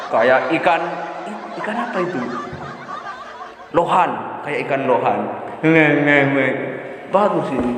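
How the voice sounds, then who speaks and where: A man's voice: fairly high pitch, lively intonation, measured pace, pauses often, a bit bright. A man playing a talent show judge in a comedy skit, teasing and chuckling as he comments. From Madura. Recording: echoey hall with faint noise.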